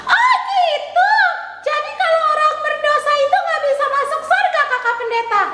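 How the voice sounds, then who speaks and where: A woman's voice: very high voice, normal speed, voice pushed up. A woman voicing a cheerful, chatty little girl puppet for a children's Sunday school lesson, talking in squeals and sing-song questions. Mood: excited chatter. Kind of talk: children's puppet role-play. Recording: echoey hall, faint noise.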